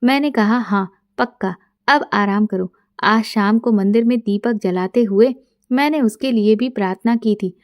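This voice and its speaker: A middle-aged woman narrating a first-person story in a soft, intimate way, quoting dialogue plainly. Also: a little high, measured pace, dry recording, lo-fi sound.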